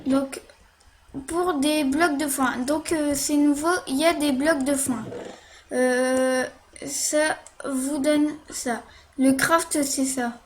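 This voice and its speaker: A woman's voice: high-pitched, steady tone, takes it slowly, slight background noise. A woman talking through a casual game tutorial while she plays, hesitant, with many fillers and little "hop" sounds as she clicks.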